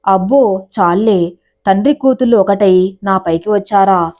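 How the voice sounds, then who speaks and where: A woman's voice: mid-range voice, steady tone, normal speed, dull audio, lightly acted. A woman voicing a teasing, wry mother in a family story.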